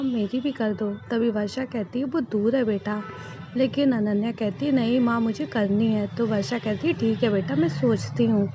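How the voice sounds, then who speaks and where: A woman telling a TV serial's upcoming episode as a story, reading each character's lines in her own plain voice. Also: on the high side. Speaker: YouTuber recapping a TV serial. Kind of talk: casual spoken recap. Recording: dull lo-fi, noisy.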